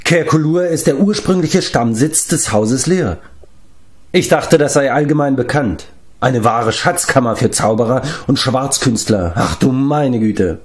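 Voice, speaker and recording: A man's voice: mid-range voice, animated, a little slow, pitched above the performer's own voice, natural voice. A man voicing a whiny, self-pitying male giant in an audiobook reading, wailing his complaints.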